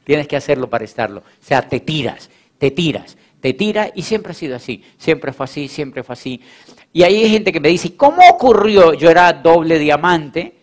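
A man giving a motivational stage talk to an audience, repeating phrases for emphasis and acting out quoted voices. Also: a little high. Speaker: motivational speaker.

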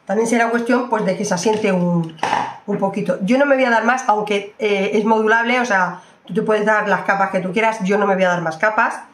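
A woman's voice: mid-range voice, fairly even intonation, fairly quick, roomy sound. A woman doing a casual makeup review, chatty and exclamatory, often repeating her phrases. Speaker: beauty vlogger.

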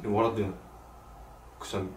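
A man's voice: fairly low pitch, little pitch movement, normal speed, roomy sound, far from the mic. A young man with a Kansai accent in casual banter, trying not to laugh as he talks. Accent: Kansai Japanese. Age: young adult. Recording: clearly noisy camera audio.

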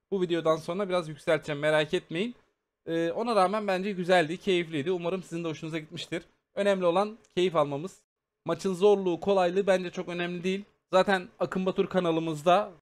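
A man who hosts a gaming channel offers excitable live commentary on a shooter match while chatting casually with viewers. His voice sits high.

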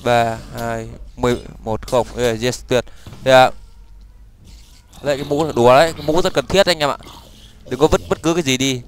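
A young man giving excitable let's-play commentary, with quick stammered repeats and sudden exclamations while he plays. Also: mid-range voice. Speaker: gaming YouTuber.

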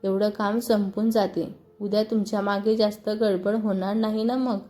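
A stubborn young wife brushing off questions with short, defensive answers, voiced by a woman narrator. Her tone is mellow and warm, with faint music underneath. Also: medium pitch, little pitch movement, moderate pace, lightly acted. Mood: sulky. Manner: curt, defensive replies.

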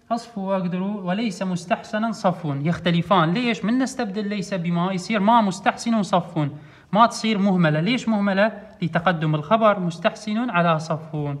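Fast-talking high-voiced Iraqi male teacher. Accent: Iraqi Arabic. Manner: steady explanatory, repeats rules. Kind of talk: grammar exercise walkthrough.

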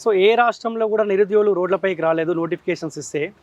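A male journalist conducts an interview at a brisk clip. He lays out long framing questions. While his guest answers, he keeps up a stream of quiet murmured acknowledgements. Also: high-pitched, dry recording, dull audio.

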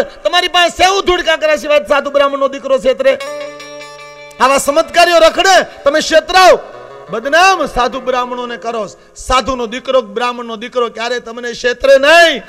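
High-voiced gujarati preacher man in his 50s, saurashtra accent, fired up then hushed, faint music under. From Gujarat, India. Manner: impassioned, swings between loud warnings and low confiding asides. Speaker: Shiva katha preacher. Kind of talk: devotional katha sermon. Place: open-air katha gathering with live accompaniment.

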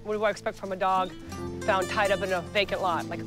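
A woman's voice: mid-range voice, fairly even intonation, quick pace. A middle-aged woman who runs an animal rescue shelter, talking in a direct, plain-spoken way with casual fillers, speaking outdoors on a lapel mic for a reality TV show. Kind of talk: reality TV interview and on-location talk. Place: outdoors in open fields and lots. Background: background music.

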